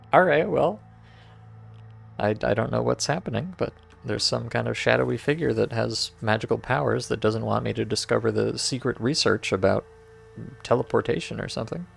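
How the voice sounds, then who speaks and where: A man's voice: mid-range voice, moderate pace, gravelly, breathy edge, soft background music. A man streaming a game, giving casual, joking commentary with wry asides and frequent laughter. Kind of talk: let's-play commentary.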